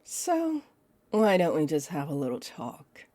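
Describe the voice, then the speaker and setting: An actress voices a possessive, teasing vampire woman addressing the listener directly with condescending confidence, heavily acted in a deep, warm voice with huge pitch swings. Her mood is menacing and condescending, her manner smug, taunting and unhurried. The recording is dry.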